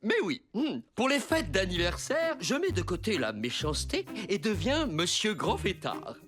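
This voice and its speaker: A man's voice: high voice, sing-song, moderate pace, music in the background. A man voicing a showy cartoon supervillain who poses as a kids party magician, with theatrical patter. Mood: pleading, pompous. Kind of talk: French-dubbed children's cartoon acting.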